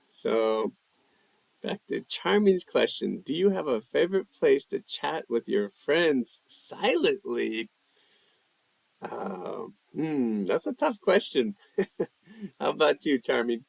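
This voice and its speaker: A male native English speaker hosts a language livestream, reading viewer questions from the chat aloud and answering them casually with fillers. His voice is slow and gravelly with a lively pitch, and his manner is unhurried. The audio has no echo.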